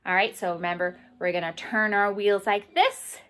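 A woman music therapist leading a remote session, singing a simple action song and gently coaching movements between verses. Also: mid-range voice, steady tone, moderate pace, clean tone. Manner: cheerful sing-along leader, gentle coaxing instructions. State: out of breath.

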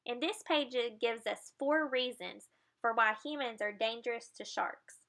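A woman reads a children's picture book aloud, explaining each page and throwing in playful sound effects. Her voice is bright and sits a little high. She keeps it plain and friendly for young listeners. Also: measured pace.

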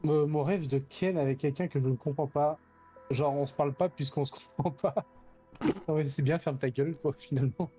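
A man's voice: a little high, fairly even intonation, normal speed, dark tone, breathy edge, soft background music. A man chatting as a guest co-player on a live stream, teasing and laughing easily. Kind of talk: casual live-stream chat.

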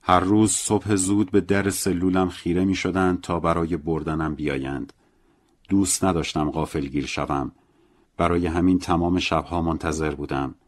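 Man, very deep voice, audiobook narration, first person, calm, measured, reflective.

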